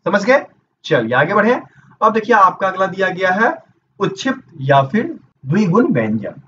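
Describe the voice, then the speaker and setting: A fairly high-voiced man teaches an exam-prep grammar lesson, posing questions and answering them himself as he works through each point. He sits some way from the microphone. The sound is a little dull, with a faint hiss behind him. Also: sing-song, moderate pace, fairly bright tone. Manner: explains step by step, asks and answers his own questions. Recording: dull distant mic with faint noise.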